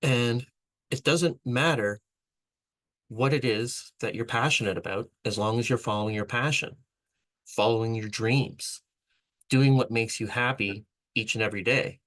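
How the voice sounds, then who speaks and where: A man's voice: mid-range voice, unhurried, a bit bright, poor audio. A man hosting a vlog, delivering an earnest, rambling motivational monologue with frequent restarts. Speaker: vlog host.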